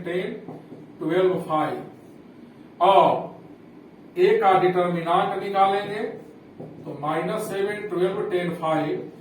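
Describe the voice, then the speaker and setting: A man teaching a maths lesson, explaining each step slowly and repeating key points with rhetorical questions. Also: sits high. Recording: echoey room, heard from a distance, faint hum.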